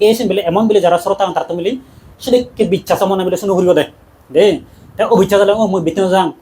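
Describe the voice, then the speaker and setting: A man, a Buddhist monk, giving a dhamma talk in a quick, conversational preaching manner with laughs. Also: high voice, steady tone, warm tone, slight background noise.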